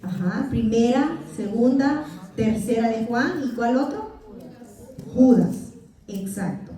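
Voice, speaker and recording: A woman's voice: a little high, lively intonation, slow pace, mellow. A Salvadoran woman teaching a church Bible class, quizzing her listeners and answering with amen. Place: church hall. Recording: echoey church hall from far off.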